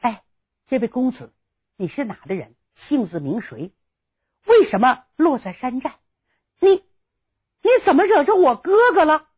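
A woman voicing a gentle young lady who speaks softly and kindly, on a dull lo-fi recording. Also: high voice, very animated, measured pace, pauses often, slightly rough, exaggerated voice. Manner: soft, gentle questioning. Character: gentle young lady, bandit chief's sister.

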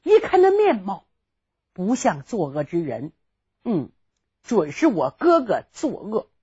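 A woman voicing a gentle young lady who speaks softly and kindly, on a dull lo-fi recording. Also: mid-range voice, wildly swooping pitch, slow, slightly rough, heavily acted. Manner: soft, gentle questioning. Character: gentle young lady, bandit chief's sister.

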